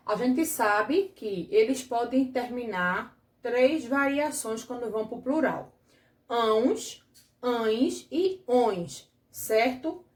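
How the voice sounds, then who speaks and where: Brazilian woman teacher, higher voice, slow and patient, echoey room. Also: darkish tone. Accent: Brazilian Portuguese. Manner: patient, asks the class questions and checks with "certo?". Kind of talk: grammar lesson for children.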